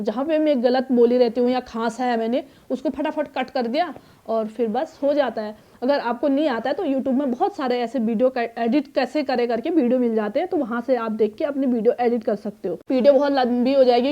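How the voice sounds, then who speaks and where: A woman's voice: a little high, muffled recording. A woman in her thirties from Uttarakhand who runs a boutique, answering viewer questions in a chatty, advising way from her small shop. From Uttarakhand, India. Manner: chatty and advising, reads comments aloud, pauses to cough and clear throat. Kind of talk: casual Q&A talk to camera. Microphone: phone on a tripod.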